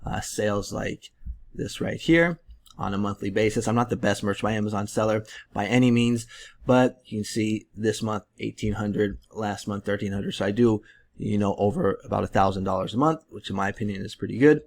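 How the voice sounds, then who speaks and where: A print-on-demand seller and tutorial creator gives a casual screen-share tutorial in a low, gravelly, strained voice at normal speed. He is losing his voice and keeps clearing his throat. His manner is relaxed and rambling, with many fillers.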